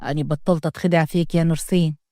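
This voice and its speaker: A woman's voice: low-pitched, flat delivery, very fast, warm tone, no echo, studio quality. A woman voicing a stern, proud young village mayor in an Upper Egyptian accent, speaking curtly in a story reading. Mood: contemptuous. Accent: Upper Egyptian Arabic. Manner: curt and scolding. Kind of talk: storytelling read-aloud.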